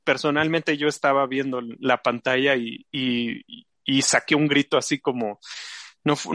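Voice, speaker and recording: A man hosting a live racing show, talking excitedly and rambling with many fillers and restarts. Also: mid-range voice, dry recording. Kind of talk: casual live show chat.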